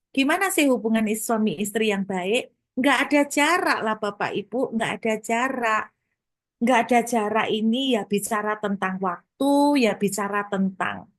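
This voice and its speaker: A woman pastor preaching a conversational sermon, lively, asking her listeners questions and playing out little everyday scenes, with English words mixed in. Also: on the high side, dry recording. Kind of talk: conversational sermon to a congregation and online viewers.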